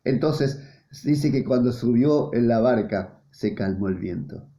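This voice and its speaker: Earnest preaching pastor, roomy church. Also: male voice, unhurried, mellow. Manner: earnest, repetitive preaching with swells in pitch. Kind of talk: sermon. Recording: roomy, dull lo-fi church sound.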